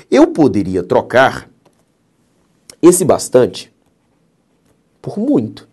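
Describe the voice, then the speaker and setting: A man's voice: on the high side, darkish tone, slightly rough. A man with a Brazilian Portuguese accent teaching grammar in a recorded exam-prep lecture, speaking emphatically and often checking in with "ok?".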